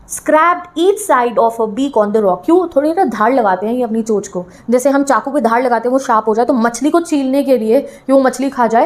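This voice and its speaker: A woman with a high voice teaches a story lesson. She reads each English line slowly, then explains it in a lively mix of Hindi and English, playing out the characters' thoughts. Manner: lively, acts out the bird's thoughts. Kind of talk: explaining a textbook story to students.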